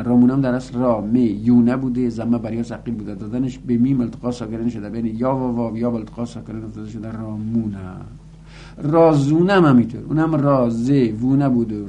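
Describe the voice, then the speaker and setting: A man's voice: mid-range voice, steady tone, mellow, muffled recording. Male teacher, methodical lesson, chanted word lists, faint background hum. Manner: recites word forms in rhythmic chanted lists. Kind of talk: recorded lesson on Arabic grammar.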